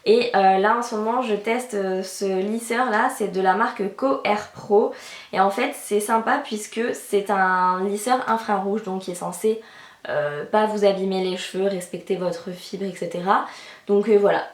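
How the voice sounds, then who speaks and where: A young woman giving a casual makeup tutorial as a beauty vlogger, chatty and full of fillers like "euh" and "donc voilà". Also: mid-range voice. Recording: roomy voice with loud background music. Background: background music.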